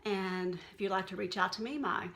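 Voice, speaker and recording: Speaking a little fast, she has a creaky, slightly bright voice of medium pitch. She's a middle-aged woman from Texas, accent and all, giving a chatty, candid, folksy unscripted monologue to camera as a wellness blogger.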